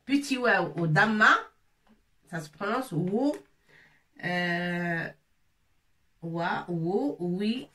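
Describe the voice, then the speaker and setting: A woman teaching letters in French, slowly repeating each syllable for the learners. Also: fairly low pitch, animated, pushed and bright, far from the mic. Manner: repeats sounds slowly and drills syllables one by one. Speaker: Arabic teacher. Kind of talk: slow, patient letter-by-letter pronunciation lesson. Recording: echoey room, voice a bit off-mic, faint noise.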